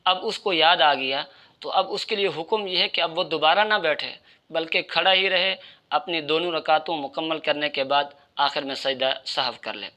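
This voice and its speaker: Bright-voiced man teaching prayer rules. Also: a little high, normal speed. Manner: explanatory, methodical, addressing listeners directly. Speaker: Islamic religious teacher. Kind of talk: religious instruction.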